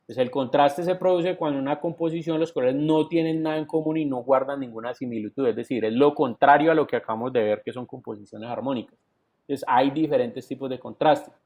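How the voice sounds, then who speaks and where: Here a man teaches a virtual class in Colombian-accented Spanish, his medium-pitched voice fairly quick and a bit dark in tone. He explains step by step, often checking on students with "¿sí?" and peppering in "entonces." It's a video call from home or an office, picked up by a computer mic with dull, lo-fi online-class quality.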